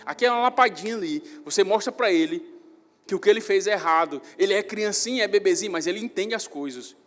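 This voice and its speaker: A young man, a pastor with a Northeastern Brazilian accent, preaching a sermon in a church hall with animated storytelling that rises loud on emphasis. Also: high-pitched, quick pace. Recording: reverberant church hall with faint music.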